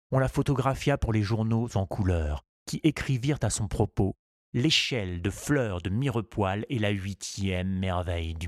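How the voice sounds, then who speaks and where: A man reading a children's storybook aloud in a calm, measured and gently expressive way. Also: lowish voice, no echo, studio quality. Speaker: audiobook narrator. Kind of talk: scripted storybook narration.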